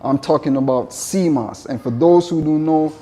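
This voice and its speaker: A man's voice: on the high side, moderate pace, mellow. A man from Jamaica with a Jamaican accent, a vegan chef giving a casual spoken presentation, earnest and repeating his points. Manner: earnest, repetitive phrasing with spiritual asides.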